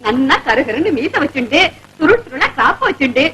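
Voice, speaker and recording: A woman's voice: sits high, sing-song, fairly quick, a bit bright, a little hiss or hum, rough recording. An actress playing a bossy, meddling middle-aged woman who schemes and scolds in a theatrical old-film comedy style. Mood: indignant. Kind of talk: 1970s Tamil film comedy acting.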